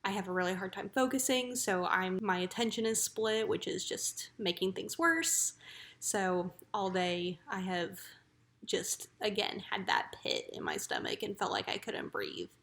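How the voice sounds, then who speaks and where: A woman's voice: mid-range voice, lively intonation, a little slow, fairly bright tone. A woman talking casually in a personal vlog, in a matter-of-fact, reflective way. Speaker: vlogger.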